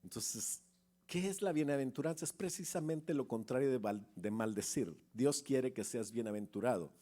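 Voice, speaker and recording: A man's voice: mid-range voice, normal speed, dark tone. A middle-aged man preaching a sermon as pastor, chatting with the congregation, asking questions and acting out little stories. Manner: conversational preacher, asks the congregation questions, acts out anecdotes.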